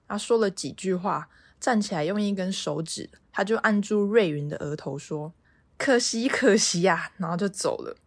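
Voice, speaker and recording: A woman's voice: medium pitch, no echo. Chatty Taiwanese woman retelling a tale. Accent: Taiwanese Mandarin. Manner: chatty, lots of filler particles. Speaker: podcast host. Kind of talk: casual storytelling.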